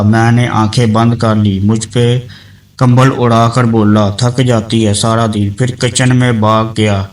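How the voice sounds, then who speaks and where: A man narrating a dramatic story in a woman's first person, reading in an even, measured way. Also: medium pitch, recorded from a distance, rough recording.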